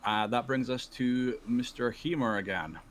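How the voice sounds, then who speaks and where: A man narrating as the dungeon master of an online tabletop game, laughing easily and pausing with fillers as he describes the action. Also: mid-range voice, a little hiss or hum. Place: online voice call.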